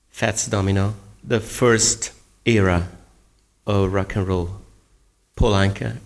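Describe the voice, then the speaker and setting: A man's voice: fairly low pitch, gravelly. A man from Italy speaking English with a slight Italian accent, answering interview questions and choosing his words carefully. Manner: careful, deliberate wording. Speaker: singer interviewed.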